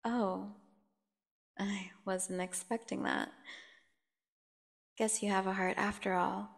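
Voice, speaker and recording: Voicing a captive female vampire in an ASMR audio drama, a woman tells her tale seductively and menacingly, taunting with teasing pauses and sometimes sinking to a near whisper. Her medium-pitched voice has vocal fry, and a long, hall-like reverb surrounds the recording.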